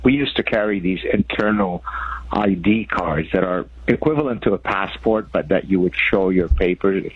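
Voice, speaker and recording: Professorial man, husky and low. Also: moderate pace, no echo, highs cut off. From Lebanon. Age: around 60. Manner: articulate, explanatory, professorial. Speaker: guest author, professor. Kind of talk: radio interview.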